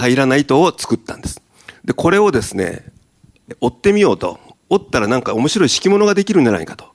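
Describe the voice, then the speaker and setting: A man from Okayama, a company president, giving a formal presentation at a seminar with polite phrasing and many hesitant fillers. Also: mid-range voice. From Okayama, Japan. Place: seminar hall in Tokyo.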